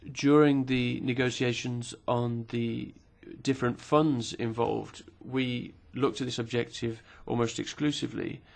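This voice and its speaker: A man simultaneously interprets at a parliamentary committee hearing in a creaky, medium-pitched voice that holds a steady tone. He stays formal and measured, pausing at times and using the occasional filler.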